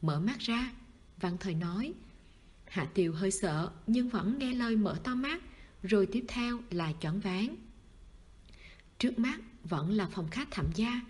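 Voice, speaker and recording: A woman narrating a novel in steady storytelling fashion. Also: mid-range voice, unhurried. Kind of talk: audiobook narration.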